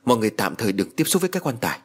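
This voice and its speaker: A man voicing a calm, firm elder uncle who takes charge. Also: mid-range voice, racing, husky. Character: elder uncle, calm authoritative family head.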